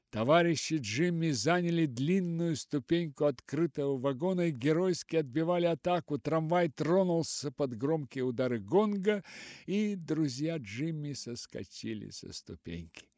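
A man reading a literary novel aloud as an audiobook narrator, measured and dramatic with long pauses. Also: medium pitch, vocal fry, a little mellow, no echo, clean studio sound.

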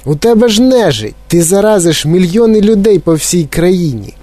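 A man's voice: animated, a little fast, darkish tone, no room sound. A man voicing a frantic, scolding mother who shrieks for help in a storybook reading. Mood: alarmed. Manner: shrill, panicky, scolding. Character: frantic shrieking mother, plump middle-aged woman.

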